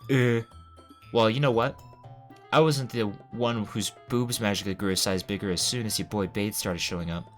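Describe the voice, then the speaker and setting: A feisty, bratty teenage girl from a visual novel game, read aloud by a man in a snappy, mocking voice. The tone sits a little higher than his usual voice, but it stays low overall. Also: fairly even intonation, moderate pace, faint music behind, close to an everyday voice.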